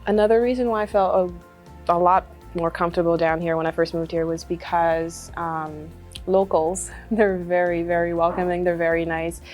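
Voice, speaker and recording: Speaking at a normal pace, this woman has a fairly low, steady, slightly mellow voice. She is a medical student from Congo in her twenties, talking casually in a testimonial interview, full of fillers and laughs. Soft music plays in the background.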